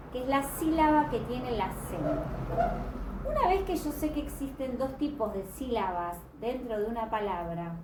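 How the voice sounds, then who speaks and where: Patient woman teacher, echoey room. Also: high-pitched. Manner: patient, slows down to stress example words. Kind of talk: explanatory grammar lesson. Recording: echoey room with background noise.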